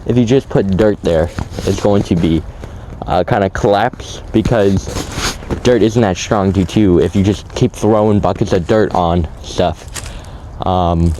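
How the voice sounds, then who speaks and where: A man's voice: deep voice, warm tone, slight background noise. A man vlogging outdoors by a creek in casual, rambling talk with lots of fillers, shivering from the cold so his voice cracks. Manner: rambling, many fillers and restarts. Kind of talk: casual vlog narration.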